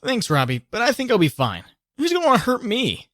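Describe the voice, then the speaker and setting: A man's voice: extremely high pitch, huge pitch swings, fairly quick, a bit bright, dry recording, clean studio sound, full character voice. A man voicing an anxious, wisecracking young superhero in a comic dub, talkative and earnest. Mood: reassuring.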